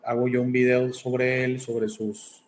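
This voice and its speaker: A man's voice: mid-range voice, flat delivery, slow, a little hiss or hum. A man born in Italy and raised in Mexico, a podcast host talking as a guest over a video call, thoughtful and hesitant with many fillers. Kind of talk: casual interview chat.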